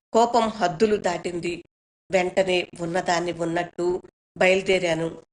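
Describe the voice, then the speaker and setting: A woman reading a short story aloud in the first person, measured and expressive. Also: on the low side, rough recording.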